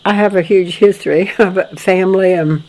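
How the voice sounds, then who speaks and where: An older woman from Florida in the United States telling her family history in a casual, rambling way, with many restarts and soft chuckles. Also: medium pitch, fairly even intonation, normal speed, rough recording. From Florida, USA. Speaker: documentary photographer recalling family history. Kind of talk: casual spoken memoir to a friend.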